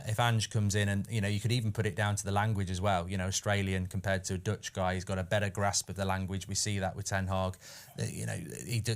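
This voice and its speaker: A man, giving opinionated, excitable takes as a pundit in a casual football chat. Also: on the low side. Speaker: pundit, club fan.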